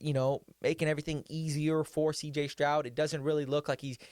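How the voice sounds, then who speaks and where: A man's voice: fairly high pitch, little pitch movement, fairly quick, a little mellow, no room sound. Man rambling about football, dry close sound. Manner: loose, rambling, lots of fillers and restarts. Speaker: podcast host. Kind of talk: casual sports talk.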